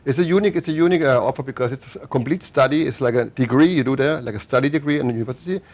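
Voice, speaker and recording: A middle-aged man with a German accent, a guest in a casual radio interview, talking rapidly with many restarts. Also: medium pitch, darkish tone. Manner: rapid, run-on, frequent restarts.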